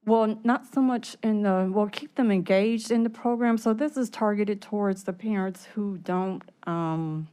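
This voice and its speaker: A woman speaking through a face mask, a little short of breath, giving halting explanations at a public meeting. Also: mid-range voice, warm tone, clean tone. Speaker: program staff presenter at a committee meeting.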